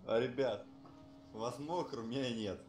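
A man's voice: medium pitch, normal speed. A young man talking casually to his teammates over game voice chat. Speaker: gamer in a team. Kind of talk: casual gaming chatter. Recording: roomy echo with faint noise.

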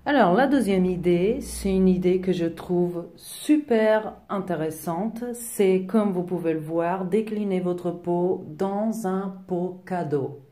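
Speaking slowly with few pauses, this Portuguese-native woman narrates her home decor tutorial warmly, though she frequently stumbles into fillers. Her fairly low voice carries a dark tone.

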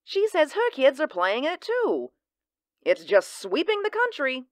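A woman's voice: high-pitched, huge pitch swings, unhurried, no echo, clean studio sound, full character voice. A woman playing a chatty, easygoing housewife catching up with a friend in an audio drama. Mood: gossipy. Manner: chatty, casual.

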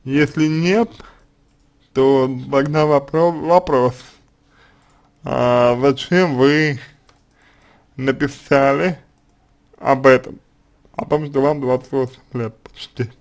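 A man answering a reader's letter as a psychologist, in a halting, deliberate monologue full of fillers and restarts. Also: medium pitch, fairly even intonation. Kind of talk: slow consulting monologue.

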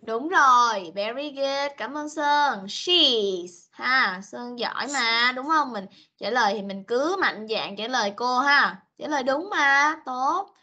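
Teacher, woman, high bright voice, patient and coaxing with little kids, video-call sound. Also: animated, dull audio. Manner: patient, coaxing, switches between Vietnamese and slow English. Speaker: English teacher. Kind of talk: online class for young children.

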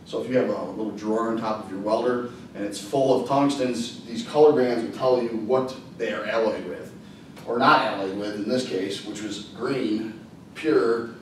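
A man's voice: lowish voice, normal speed, slight background noise. Man, thirties, welding instructor, casual classroom lecture, very roomy echo, distant mic. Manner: casual, plainspoken, many ums and uhs. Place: classroom at a whiteboard. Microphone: far camera. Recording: echoey classroom from far off.

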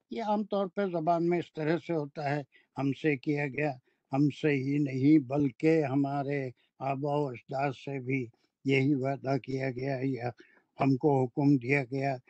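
A man teaching Quranic Arabic grammar in a classroom lecture, explaining slowly and deliberately with anecdotes. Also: mid-range voice, warm tone, no room sound, muffled recording.

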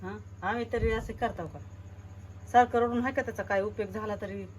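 Mother gently scolding. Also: mid-range voice, steady tone, a little fast, a little hiss or hum. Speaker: mother in the family. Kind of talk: casual family vlog.

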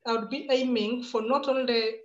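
A Ugandan woman in her fifties, a writer on a panel, answers a question over a laptop video call from a home room lined with bookshelves. Her fairly high voice keeps an even intonation as she responds in a measured, reflective way, repeating words while she thinks, and the call audio sounds muffled.

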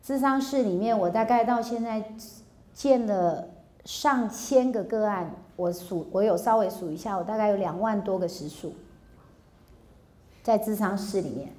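In an echoey room, a fiftyish woman with a Taiwanese Mandarin accent lectures the public on relationships at a normal pace and medium pitch. She brings personal stories to life, voicing the dialogue herself and frequently laughing.

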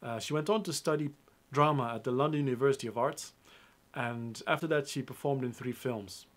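A man's voice: medium pitch, fairly quick. Young male web presenter, emphatic and upbeat, close mic. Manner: upbeat, emphatic, addresses viewers directly. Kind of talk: scripted film review to camera.

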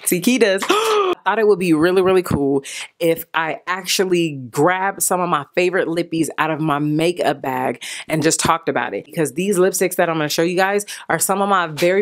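A woman's voice: fairly low pitch, expressive, fairly quick. A young adult woman chatting casually into a handheld mic as a beauty vlogger, playful and sing-song, joking and breaking into little rhymes. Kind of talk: casual chat.

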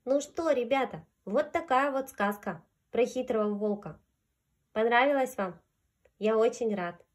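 Fronting a puppet, a female children's storyteller reads a fairy tale aloud to young kids. Her voice is a little high and unhurried, with a sing-song storyteller's lilt.

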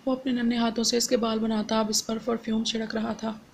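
Female audiobook narrator, scripted novel reading, even and unhurried, slightly high, almost no pitch movement. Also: vocal fry, a little hiss or hum.

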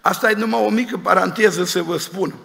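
Preacher guy telling stories in a sermon, high gravelly voice, big hall echo. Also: pushed and bright. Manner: folksy, retells dialogues in quoted voices. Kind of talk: sermon with storytelling. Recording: long hall reverb.

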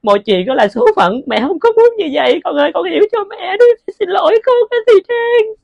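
A woman playing a grieving mother who pleads for forgiveness, speaking in a halting voice and repeating her words. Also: fairly high pitch, no echo, highs cut off. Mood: pleading.

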